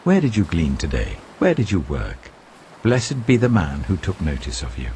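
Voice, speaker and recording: A man's voice: sits low, wildly swooping pitch, normal speed, darkish tone, slight background noise, heavily acted. Man reading as a devout, caring older mother-in-law. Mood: pleased, blessing.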